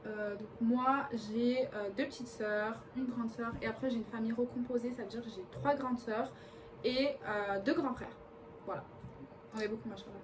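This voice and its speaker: A young woman with a fairly high voice chats and giggles through a casual couple Q&A, often cutting in over her partner. She sits some way from the mic, and a clear background hiss runs under her voice. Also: steady tone, moderate pace, distant mic. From France. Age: young adult. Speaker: co-host. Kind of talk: casual chat.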